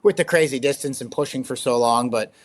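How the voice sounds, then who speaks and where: A young ultrarunner appears as an interview guest, his voice slightly raspy and medium in pitch. He talks casually and fairly quickly, rambling with plenty of fillers and laughing often.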